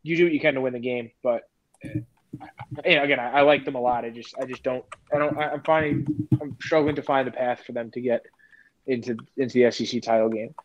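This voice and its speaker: This co-host speaks fast in a steady, medium-pitched voice during relaxed sports talk on a podcast, stumbling into frequent restarts and fillers. The audio is lo-fi and dull, with a faint noise floor.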